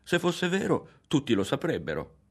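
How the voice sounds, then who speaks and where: A man reading aloud, voicing a proud teenage girl who speaks quickly and challengingly, sometimes dropping to a hush. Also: fairly high pitch, huge pitch swings, creaky, husky, voice pushed up, exaggerated voice. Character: sharp, proud teenage girl, teasing then eager.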